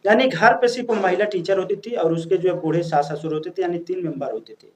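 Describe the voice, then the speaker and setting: A man's voice: high-pitched, fast, a little hiss or hum. A man narrating a story in a casual, chatty way, addressing his listeners as friends, with frequent restarts and fillers.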